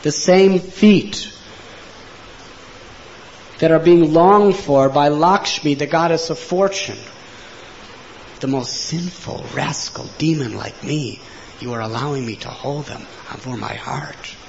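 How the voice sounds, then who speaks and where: A man voicing a humbled former ruffian who speaks in a hushed, reverent way, on a dull lo-fi recording. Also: fairly high pitch, slow pace, gravelly, long pauses, a little hiss or hum.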